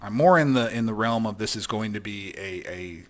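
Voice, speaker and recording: A man's voice: fairly low pitch, moderate pace. A man co-hosting a podcast, giving frank, opinionated takes in casual chat with lots of restarts. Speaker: podcast co-host.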